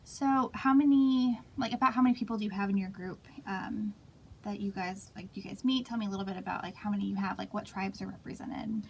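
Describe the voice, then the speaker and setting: A woman's voice: medium pitch, fairly quick, vocal fry, a little mellow, a little hiss or hum. A woman co-hosting a radio show in the studio, giggly and rambling, with many fillers. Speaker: radio co-host. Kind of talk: casual radio show chat.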